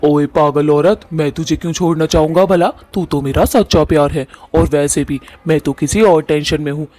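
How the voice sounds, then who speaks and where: A man voicing a blunt young husband in a cartoon story, with rough, brusque colloquial speech. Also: fairly high pitch, steady tone, normal speed, darkish tone, natural voice. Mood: exasperated. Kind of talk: cartoon voice acting.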